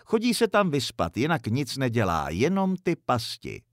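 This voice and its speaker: A man voicing a sharp-tongued, lonely middle-aged mother in a storybook reading. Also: mid-range voice, huge pitch swings, dry recording, studio quality.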